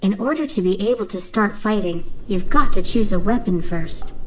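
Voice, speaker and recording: A woman voicing a loyal talking dove who guides the player through a game tutorial in a clear, instructive tone. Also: medium pitch, lively intonation, moderate pace, a little hiss or hum, close to an everyday voice, rough recording.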